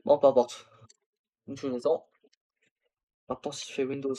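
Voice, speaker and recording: A man's voice: mid-range voice, little pitch movement, moderate pace, dark tone. A tired young man streaming a game, rambling casually to his viewers with lots of fillers. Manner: rambling, tired, self-talk with fillers and laughs. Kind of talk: casual gaming livestream chat. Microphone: phone used as camera.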